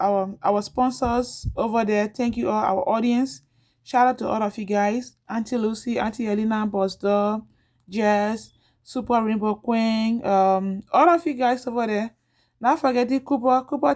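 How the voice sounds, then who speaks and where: Middle-aged woman vlogger, casual rambling chat, slightly high voice. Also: fairly even intonation, moderate pace, a little mellow. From Liberia. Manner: chatty, rambling, repeats herself.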